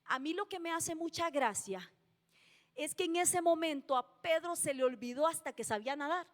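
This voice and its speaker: A woman's voice: high-pitched, lively intonation, normal speed. A woman preacher gives an emphatic sermon, repeating key phrases and asking the congregation questions. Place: church hall. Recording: long church-hall reverb.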